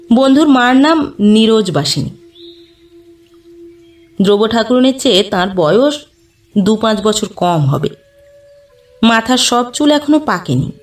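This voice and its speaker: A woman narrating a classic short story in a slow, measured reading. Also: a little high. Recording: distant mic, faint background music.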